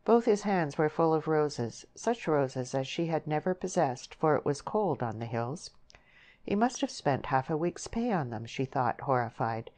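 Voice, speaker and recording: A woman reading a novel aloud as an audiobook narrator, in a measured, even way. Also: deep voice, poor audio. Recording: steady background hiss.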